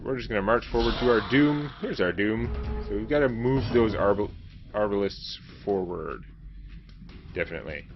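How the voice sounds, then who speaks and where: A man's voice: lowish voice, animated, normal speed, lo-fi sound. A man giving casual gameplay commentary as a let's play host, chatty and self-mocking as he thinks aloud. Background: game music.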